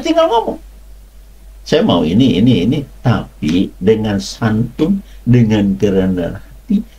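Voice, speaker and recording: A man preaching a sermon for an online channel, swinging between loud high exclamations and low, quiet asides. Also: slightly rough, low-quality recording.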